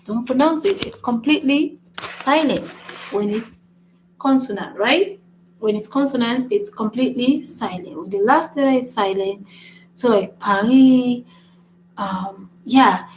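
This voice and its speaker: A woman's voice: on the high side, a little slow, a little hiss or hum, rough recording. A woman teaching French in a casual video lesson, chatty and repetitive, often checking in with "right?". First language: English. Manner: chatty, repeats "right?" often, writes on a board.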